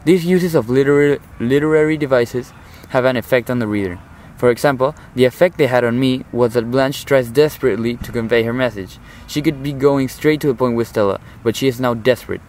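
Teen guy doing a school oral commentary, earnest and formal, mid-pitched voice, faint traffic hum behind. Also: brisk, few pauses, a little mellow, poor audio. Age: teens. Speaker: high school student.

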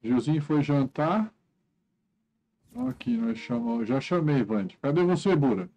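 A man's voice: medium pitch, a little slow, slight background noise, low-quality recording. A middle-aged Brazilian man streaming a game with a headset, joking and teasing his friends in casual chat. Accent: Brazilian Portuguese. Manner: jokey, teasing, animated banter.

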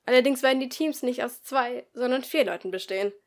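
A strict middle-aged schoolteacher calls out to her class in a raised, commanding voice, as a woman reading a storybook puts her on. She sounds firm and loud and leaves no room for argument. The voice sits somewhat higher than the reader's own narration. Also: brisk. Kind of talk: amateur audiobook reading.

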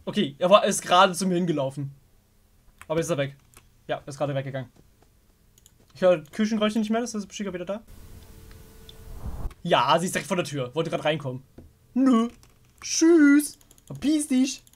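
A man's voice: fairly high pitch, fast talker, long pauses, fairly bright tone. A young German man commenting on a horror game as he plays, muttering to himself and yelping at scares. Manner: jumpy, talks to the game characters, mutters under breath. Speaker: gaming video host.

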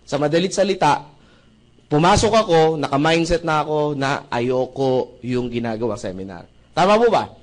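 A man's voice: on the high side, normal speed. A young man from the Philippines telling a live audience his story, acting out quotes and often asking the crowd for agreement. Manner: animated, acts out quotes, asks the audience "right?". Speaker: speaker giving a testimony to an audience.

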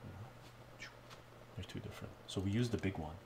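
During a casual live-stream from his home kitchen, a middle-aged man cooks and talks to viewers, frequently tossing in "right?". His low-pitched voice has vocal fry and a normal speed, drifting nearer and farther from a fixed camera mic amid very noisy sound.

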